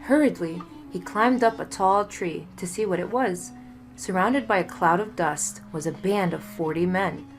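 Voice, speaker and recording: A woman's voice: lowish voice, measured pace, faint music behind. Woman reading a storybook aloud.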